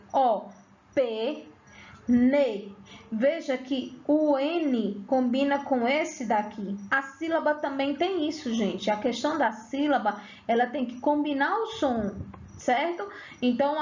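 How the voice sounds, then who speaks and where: A woman with a high voice teaches a grammar lesson in a lively way. She asks her students questions and then answers them herself. The audio sounds slightly dull and lo-fi.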